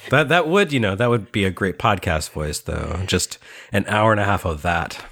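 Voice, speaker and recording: A man's voice: fairly low pitch, expressive, normal speed, a bit bright. Laughing, chatty male podcast host. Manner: chatty, self-mocking, laughs often. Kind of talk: casual chat.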